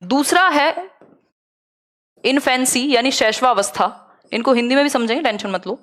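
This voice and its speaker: A woman's voice: sits high, normal speed, a bit bright. A young adult woman with a Hindi accent teaching a live online exam-prep lecture, explaining with rhetorical questions and English terms.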